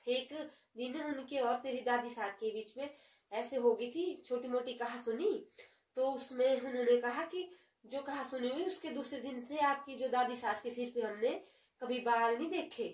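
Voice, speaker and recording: A woman's voice: on the high side, normal speed, darkish tone, lightly acted. A woman voicing a young daughter-in-law who mocks her mother-in-law with a sly, sweet manner. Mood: sly mocking. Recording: roomy echo.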